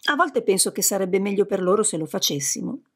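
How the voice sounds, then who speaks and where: Woman reading lordly king god dude, amused, husky. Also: medium pitch, animated, fairly quick. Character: laughing, lordly king of gods.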